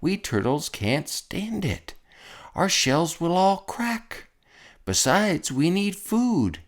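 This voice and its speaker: Lowly little male turtle for a picture book, played by a narrator: meek, courteous, suffering, lifted voice, measured pace. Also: sing-song. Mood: pained, pleading. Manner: polite, pleading, groaning.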